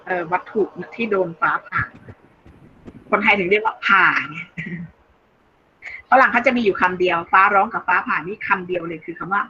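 Bright-voiced teacher on a lo-fi call. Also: female voice, mid-range voice, breathy edge. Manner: explains slowly in Thai, reads English phrases aloud. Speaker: English teacher. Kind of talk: online class teaching. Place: online video call. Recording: dull lo-fi call audio, faint noise.

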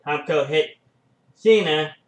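Casual male fan commentator, slow and halting, excitable bursts, slightly high voice, echoey room. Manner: excitable, frequent "oh" and "uh" fillers. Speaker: fan commentating a wrestling match.

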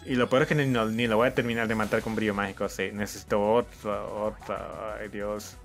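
A man's voice: lowish voice, flat delivery, a little fast, fairly bright tone, soft background music. A young man giving casual let's-play commentary as the host of a gaming channel, cheering his team on, thinking aloud and swearing often.

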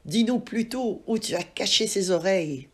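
A woman voicing a brisk male police commissioner in a children's storybook. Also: mid-range voice, lively intonation, breathy edge. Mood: gruff. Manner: brisk, commanding. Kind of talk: storybook reading.

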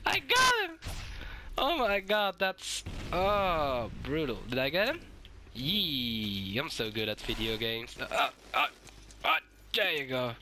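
A sick, hoarse man giving swearing, excitable let's-play commentary and shouting at the game. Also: fairly high pitch, takes it slowly. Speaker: gaming YouTuber.

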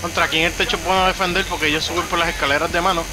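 A man's voice: a little high, fairly even intonation, racing, noisy background. A man chatting casually as he plays a co-op video game. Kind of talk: casual gameplay chat in co-op. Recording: loud game music behind the voice.

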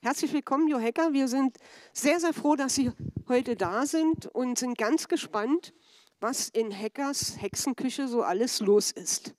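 A woman hosting an event, giving a measured, formal welcome to a guest speaker. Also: sits high, a little mellow, no echo. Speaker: event host.

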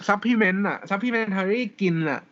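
A man's voice: high voice, lively intonation, fast, fairly bright tone, lo-fi sound. A man co-hosting a casual podcast chat, explaining things step by step and laughing often. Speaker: podcast co-host. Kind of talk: casual chat about law.

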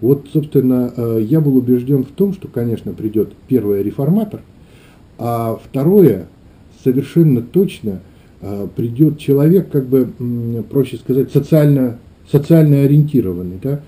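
A man's voice: medium pitch, lively intonation, normal speed, dark tone. A middle-aged man, a clergyman, giving reflective interview answers, often searching for his words. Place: small meeting room indoors.

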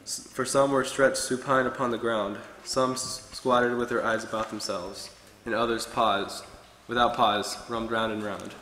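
A man's voice: medium pitch, little pitch movement, measured pace, few pauses, sharp tone, a little hiss or hum. A young man preaching a short sermon from a pulpit, earnestly reading from his notes. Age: young adult. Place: church hall with wood-paneled walls. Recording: echoey hall with long reverb.

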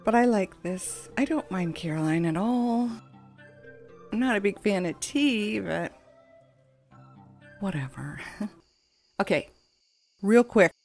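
With a medium-pitched, slightly mellow voice and lively intonation, a woman takes her time and pauses often. She's a gaming host doing relaxed, wandering let's play commentary at home, accompanied by game music, a running fan and a window open a crack.

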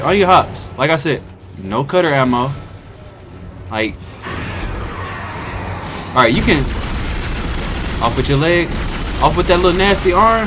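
A young American man giving excitable, trash-talking commentary while he plays a video game. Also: high voice, noisy background. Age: young adult. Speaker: gaming video host. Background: game music and sounds.

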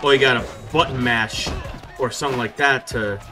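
A man giving casual let's-play commentary, excitable and profane, trash-talking the screen. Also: medium pitch, moderate pace. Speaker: gaming video host. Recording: faint game music behind.

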